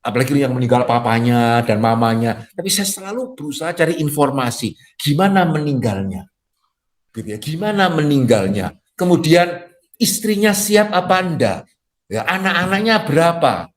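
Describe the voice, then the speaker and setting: A man's voice: a little high, normal speed. A middle-aged male pastor from Indonesia giving a sermon in a conversational way, with frequent tag questions and playful acted-out quotes. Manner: lively, acts out quoted dialogue with jokes; conversational preaching with frequent "ya" tags.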